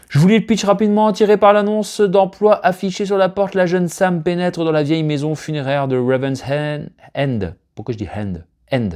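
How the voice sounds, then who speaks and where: Indoors in a room at his home, a man chats casually to camera while unboxing and showing off his collection finds. His mid-range voice has a darkish tone, and he rambles hesitantly, chuckling often.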